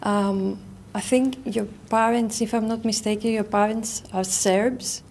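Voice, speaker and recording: A woman interviewing a guest, asking questions with many halting restarts. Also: mid-range voice, fairly even intonation, darkish tone, slight background noise. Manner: halting, many restarts, non-native phrasing.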